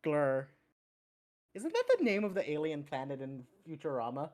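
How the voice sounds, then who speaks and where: A woman's voice: deep voice, sing-song, moderate pace, darkish tone. A woman playing in a tabletop game, chatting casually with stumbles and the odd swear. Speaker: player.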